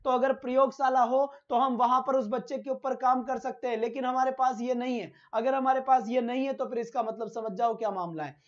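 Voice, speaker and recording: A man's voice: extremely high pitch, steady tone, a little fast, hardly any pauses, highs cut off. A male teacher giving a live online lesson, who asks his own questions, answers them himself, and calls his students "beta".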